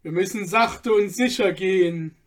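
A man's voice: high voice, a little slow. A man doing a coaxing, sly slave. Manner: coaxing, persuasive. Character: sly male slave on an errand.

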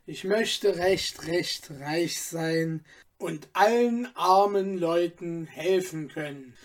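Male reader doing a soft-spoken storybook boy, earnest, slow. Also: on the high side. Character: poor boy, gentle and kind-hearted. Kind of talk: storybook reading.

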